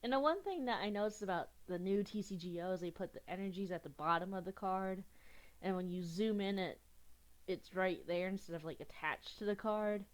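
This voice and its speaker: Sniffling slightly from a cold, a young female gaming YouTuber talks briskly in a mid-range voice while playing an online card game. She's chatty and giggly, often starting her sentences over.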